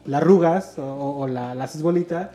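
A Mexican man talking as a podcast guest in casual comedic chat, explaining things with halting restarts and little acted-out examples. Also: a little high, mellow, roomy sound.

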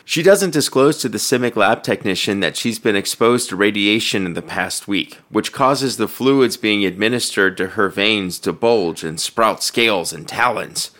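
A man's voice: fairly low pitch, moderate pace, few pauses, bright, forceful tone. A man reading a scripted fantasy story as narrator, in a dramatic storytelling style.

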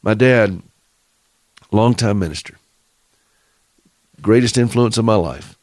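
Earnest Southern man with a low voice. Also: slow pace, darkish tone, no echo. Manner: earnest, preacherly, asks the listener direct questions. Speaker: radio show host for caregivers. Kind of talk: faith-based encouraging talk.

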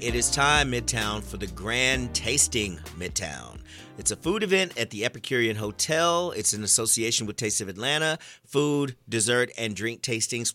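A man's voice: lowish voice, bright, forceful tone, no room sound. A man co-hosting a news podcast, chatting in an upbeat way about local events with jokey asides, into a studio microphone. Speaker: co-host, events correspondent.

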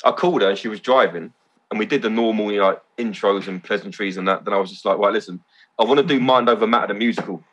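A man telling stories as a podcast guest, excitable and loose, swearing casually. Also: fairly low pitch, fast talker. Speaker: podcast guest, event organiser. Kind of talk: casual chat.

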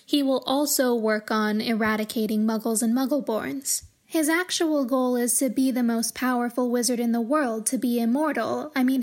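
With a fairly high-pitched voice, a woman hosts a podcast offering measured, articulate commentary on a fantasy book series, delivered in a scripted, explanatory style.

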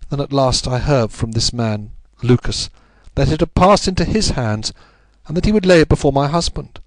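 In a story, a man plays a distraught, pleading upper-class married Englishwoman making an anguished confession, breathless and melodramatic with halting repetitions. His mid-range voice is pitched above his own yet stays close to everyday speech, and the recording is dry.

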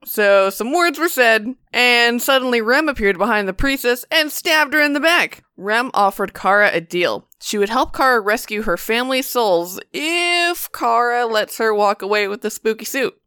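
Female tabletop podcast host and player, bright and clear, playfully theatrical, upbeat announcer delivery. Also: on the high side, lively intonation, normal speed, hardly any pauses, no echo, clean studio sound.

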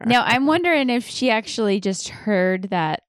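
A woman's voice: a little high, animated, normal speed, no room sound. A woman co-hosting a casual podcast, chatting loosely with lots of "like" and "um" and laughing often. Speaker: podcast co-host.

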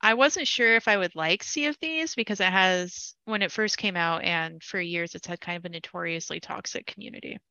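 A young woman casually telling a long gaming story, animated and laughing as she goes, with frequent fillers. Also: lowish voice, normal speed, vocal fry, hardly any pauses, dry recording, muffled recording.

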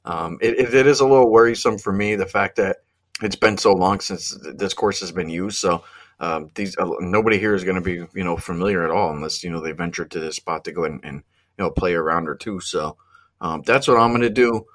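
Low-voiced man hosting a betting podcast. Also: a little fast, a bit bright. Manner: rambling, many fillers and restarts. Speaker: podcast host. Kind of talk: casual sports betting podcast chat.

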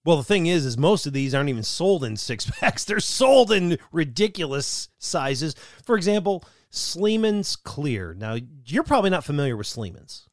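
Man, co-host, casual joking chat, slightly high voice, dry close sound. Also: sing-song, dry recording. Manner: jokey storytelling, quick asides and laughs.

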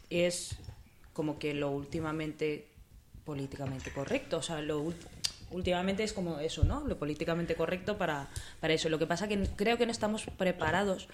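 A woman's voice: on the low side, normal speed, a little hiss or hum. A woman in a casual group discussion, often restarting her sentences and agreeing with the others. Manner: hesitant, many restarts, agreeing "efectivamente". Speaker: podcast panelist.

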